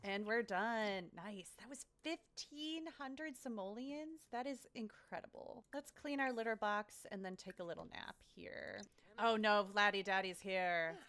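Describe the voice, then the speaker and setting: A woman's voice: medium pitch, measured pace, a bit bright, smooth. A young woman casually narrating her gameplay, bubbly, chatty and easily delighted. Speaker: let's play host.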